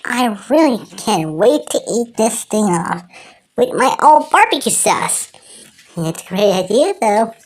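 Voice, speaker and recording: An amateur performer voicing a mischievous, excitable cartoon woodpecker, rambling and exclaiming with drawn-out words. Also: medium pitch. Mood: gleeful, hungry. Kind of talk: amateur cartoon character impression.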